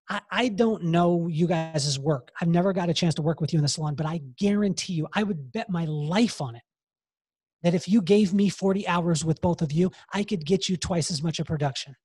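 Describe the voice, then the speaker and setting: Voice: medium pitch, fairly quick, a little mellow, husky, no echo, clean studio sound. A hairdresser and salon coach speaking as a podcast guest, emphatic and given to repeating key phrases. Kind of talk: podcast interview, motivational advice.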